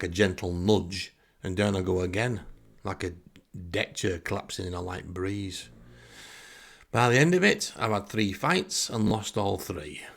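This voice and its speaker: A comic storyteller from Northern England, this man speaks with a low, creaky, slightly rough voice and a Northern English accent. He tells a funny first-person anecdote in a wry, self-deprecating manner.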